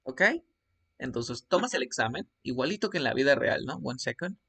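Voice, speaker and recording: A man's voice: mid-range voice, animated, normal speed, a bit bright, breathy edge. A man whose first language is Spanish, teaching an online English test-prep class over screen share, explaining step by step and often checking in with the student.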